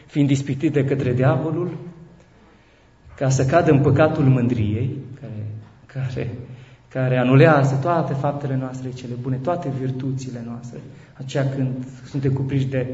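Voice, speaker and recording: A man preaching as a bishop, telling stories in a lively way, his voice climbing high when he gets excited and often restarting his words. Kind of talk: sermon with storytelling. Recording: dull echoey hall recording.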